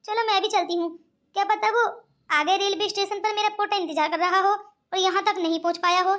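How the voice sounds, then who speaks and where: A woman's voice: extremely high pitch, fairly even intonation, a little fast, a bit bright. A woman voicing a scheming rich old grandmother in a cartoon, speaking in a coaxing manner. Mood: musing. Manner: coaxing, calls others 'beta'. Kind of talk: cartoon voice acting.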